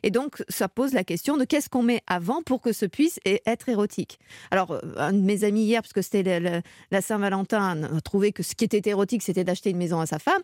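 A woman's voice: medium pitch, quick pace, a little mellow, no room sound, clean studio sound. A woman sexologist and psychoanalyst speaking frankly and thoughtfully on a radio show, often repeating words as she thinks. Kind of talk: expert radio chat.

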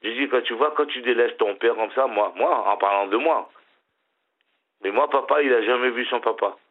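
A middle-aged man calls in to a casual phone-in chat, speaking at medium pitch and normal speed through thin telephone audio. He sounds like he's smiling, but his delivery is stop-start and hesitant, with words repeated and restarted.

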